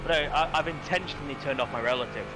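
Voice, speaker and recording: A man's voice: fairly high pitch, fast talker, music in the background. A man chatting casually with a friend during an online race. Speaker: fellow sim racer. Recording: loud car sounds behind voice.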